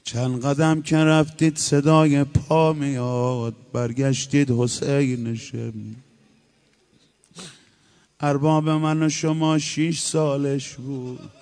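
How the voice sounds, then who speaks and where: A man's voice: a little high, little pitch movement, darkish tone, smooth. A man delivering a chanted mourning eulogy, moving between emotional storytelling and sung lament. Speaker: religious eulogist.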